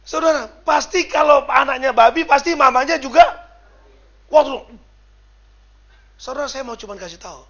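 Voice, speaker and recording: High, lively preacher man from Sumatra. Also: dull audio. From Sumatra, Indonesia. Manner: animated, shouting for emphasis, acting out quotes. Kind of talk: sermon.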